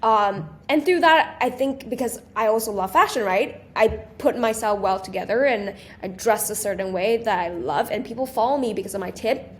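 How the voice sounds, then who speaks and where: Taiwan-raised young woman, animated chat. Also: mid-range voice, slight background noise. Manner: animated, with many restarts and fillers. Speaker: guest, small business creator. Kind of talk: casual interview chat.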